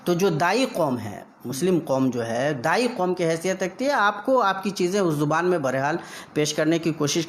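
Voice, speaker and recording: A man from India hosts a live discussion, building his arguments slowly and thoughtfully. His voice sits fairly high, and it rings a little in an echoey room. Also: slight background noise. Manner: deliberate, thoughtful, measured arguing. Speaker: host.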